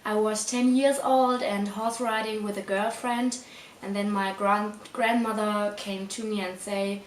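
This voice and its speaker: A woman's voice: mid-range voice, fairly even intonation, measured pace, slight background noise. A woman in her twenties with a German accent, telling a childhood memory in simple, slightly broken English. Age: 20s. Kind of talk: personal recollection. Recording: echoey room.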